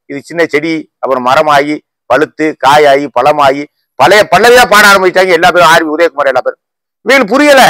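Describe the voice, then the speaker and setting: A man, a political YouTuber, giving a heated rant to camera in a combative voice full of rapid rhetorical questions. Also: fairly high pitch, a bit bright, no echo, rough recording. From Tamil Nadu.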